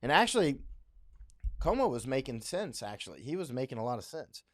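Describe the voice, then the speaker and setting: With a mid-range voice that swings widely in pitch, a Central Florida native speaks briskly on a casual livestream from his Thai home. He reads comments aloud and answers in a rambling style packed with fillers and restarts.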